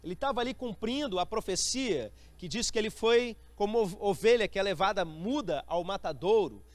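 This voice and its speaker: Brazilian male pastor, emphatic sermon delivery, high voice, dry close sound. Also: lively intonation, moderate pace, no room sound. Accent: Brazilian Portuguese. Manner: emphatic, addresses listeners as brothers.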